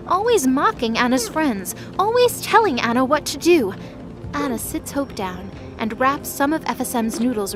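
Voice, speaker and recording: A woman's fairly high voice carries a dramatic story read from a script, while music plays clearly in the background. The recording quality is rough.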